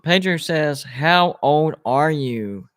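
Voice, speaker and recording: A man in his thirties, working as a sports YouTuber, hosts a live watch party and reads viewer comments in casual stream chat. He rambles and restarts, saying "like" and "you know" a lot. His voice is a little high, animated, slow and fairly bright, recorded dry with clean studio sound.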